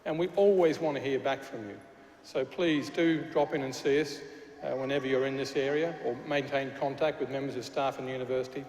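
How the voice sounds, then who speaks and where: This man's voice is medium in pitch, steady, darkish, and slightly quick, with a Glaswegian Scottish accent. Addressing graduates as a university official in a large, echoey church hall with faint noise, he's chatty and jokey, with frequent fillers and restarts.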